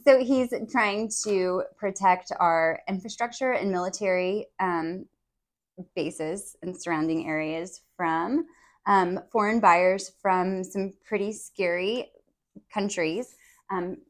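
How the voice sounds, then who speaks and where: A woman's voice: fairly low pitch, fairly even intonation, takes it slowly. A woman co-hosting a podcast, talking in a chatty way with frequent ums. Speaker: podcast co-host. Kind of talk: casual podcast chat.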